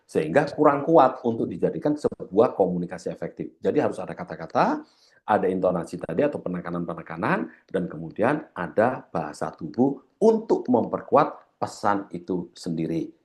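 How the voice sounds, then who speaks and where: A man's voice: fairly low pitch, a little mellow. A man giving a training seminar lecture as a corporate trainer, often addressing his audience and repeating key points, his voice slightly heavy from a cough.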